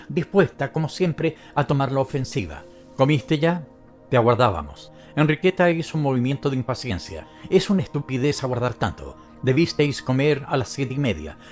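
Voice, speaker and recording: A male narrator reads a classic short story in a measured, steady storytelling voice. Soft background music sits quietly under the reading. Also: mid-range voice. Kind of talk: scripted literary narration.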